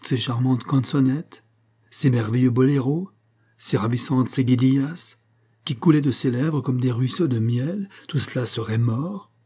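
A man voicing an aging male chapel master, excitable and theatrical, swinging between pleading and outrage. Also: mid-range voice, a little slow, breathy edge. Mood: despairing. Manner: anguished, pleading outbursts.

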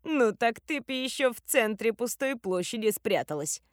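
A woman's voice: a little high, expressive, no echo, natural voice. Casting: woman playing a cool, mocking young thief, dry voice. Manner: mocking, slow and deliberate when threatening. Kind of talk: audiobook character voice.

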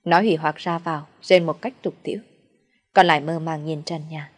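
A woman storyteller narrating a dark folk tale in a steady, even voice. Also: low voice, normal speed.

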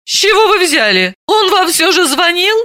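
A composed, courteous psychoanalyst answers with cool, mocking politeness, as a female audiobook reader plays her. Her voice sits raised and bright, with a lively lilt, heard close and dry. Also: very high voice, moderate pace, no room sound, voice pushed up, full character voice. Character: calm, polite female psychoanalyst, coolly ironic.

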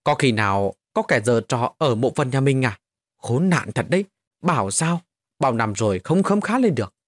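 A man voicing grieving village daughters in a storybook narration, his voice pushed high and shrill. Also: lively intonation, moderate pace, dry recording, studio quality, natural voice. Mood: quarrelsome. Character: daughters of the dead, bickering then wailing women.

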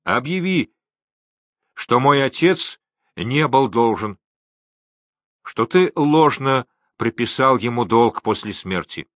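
A man's voice: mid-range voice, animated, takes it slowly, long pauses, fairly bright tone, dry recording, studio quality. Man voicing a blunt, demanding young native man. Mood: stern.

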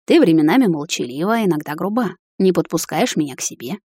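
A woman voicing a stern, brooding young male captain in an audiobook, curt and probing, with a husky, rumbling voice. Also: lively intonation, quick pace, darkish tone, no echo, studio quality. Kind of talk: audiobook character voice.

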